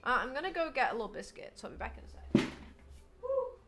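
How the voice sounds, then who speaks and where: A woman's voice: high-pitched, wildly swooping pitch, fast talker, heavy background noise. A woman streaming a block-building game, chatting casually and thinking aloud, now and then bursting into delighted squeals. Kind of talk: casual live-stream chat while building.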